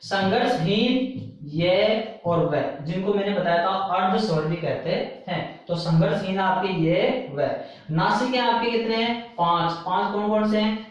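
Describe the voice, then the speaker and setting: Male tutor, high voice, recorded far off the mic: drills terms by repetition. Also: a little slow, heavy reverb, muffled recording. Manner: repeats terms and counts items aloud. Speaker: teacher. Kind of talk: exam-prep grammar lesson.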